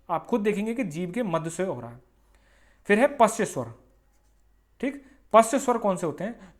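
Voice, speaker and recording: Man teaching, slow and repetitive. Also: fairly high pitch. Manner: explains slowly, repeating points with "theek hai"; sounds out vowels aloud as examples. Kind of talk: exam-prep grammar lesson.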